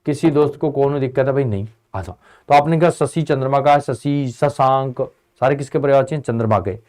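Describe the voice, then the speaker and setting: Slightly fast and a bit mellow, this medium-pitched man is teaching an online exam-prep lesson for an Indian tutoring channel. He uses a casual call-and-response drill, answering the questions he puts to students, whom he calls bhai and beta.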